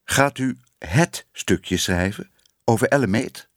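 A man's voice: on the low side, animated, slow pace, no room sound, studio quality. A man reading a storybook and voicing a shy, hesitant young woman. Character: shy young woman who was a cat.

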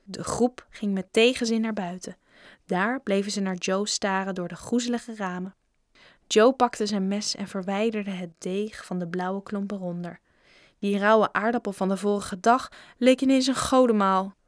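A woman's voice: medium pitch, moderate pace, no echo, clean studio sound. Woman reading a storybook. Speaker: narrator.

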